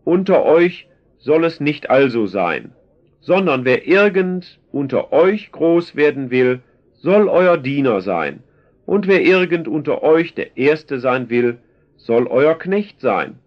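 A man voicing a calm, authoritative male teacher in a solemn, measured scripture reading. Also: a little high. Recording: dull lo-fi recording.

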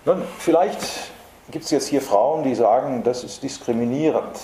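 Male preacher, emphatic sermon delivery, dark tone, roomy hall sound. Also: medium pitch. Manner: earnest, emphatic, with slow stressed repetitions. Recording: roomy hall with faint background noise.

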